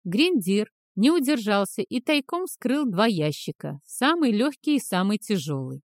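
A woman narrating a fantasy audiobook in a steady, even reading voice. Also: mid-range voice, unhurried, no room sound, clean studio sound.

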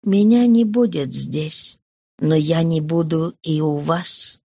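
Jean Valjean, a woman voicing a quiet old man. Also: low voice, gravelly, husky, dry recording, heavily acted. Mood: resigned. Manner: quiet, slow, subdued. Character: frail elderly man, humble and self-effacing. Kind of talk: audiobook reading.

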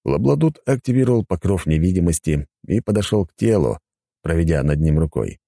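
A man narrating a scripted story in a lively, animated way, with a husky voice. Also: low voice, a little fast, no echo.

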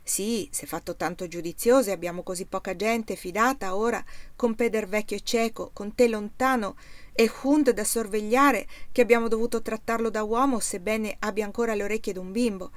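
Hearty, steady farm master, read by a woman, reassuring tone, storybook, dry sound. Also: mid-range voice, normal speed, dry recording, lightly acted. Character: older male farm master, cheerful and steady. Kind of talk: audiobook reading.

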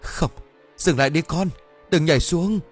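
A man's voice: expressive, moderate pace, darkish tone, soft background music, lightly acted. A man voicing a frantic grieving mother. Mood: frantic wailing. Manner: shrill, panicked cries.

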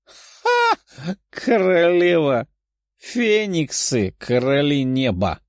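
A man voicing a brash, tipsy young phoenix princess who shouts and teases in an audiobook. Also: mid-range voice, sing-song, unhurried, no room sound, studio quality. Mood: mocking. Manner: loud, boastful, teasing.

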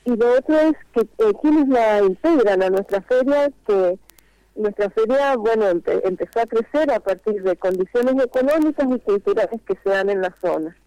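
On a speakerphone call to a radio interview, a vendors' spokesperson explains earnestly at length, pausing often along the way. Her mid-range voice is expressive with a dark tone, and the sound has no echo.

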